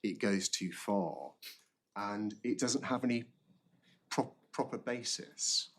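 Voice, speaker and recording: A man arguing an appeal as a barrister, formally, halting and often repeating words. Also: lowish voice. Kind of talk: formal courtroom legal argument.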